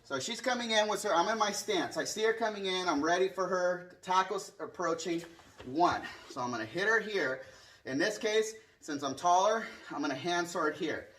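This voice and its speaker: Man teaching martial arts, bright, distant mic. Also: sits high, expressive, normal speed. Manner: punctuates explanations with short strike sounds and counts. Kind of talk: hands-on demonstration teaching, casual explanation. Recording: distant microphone.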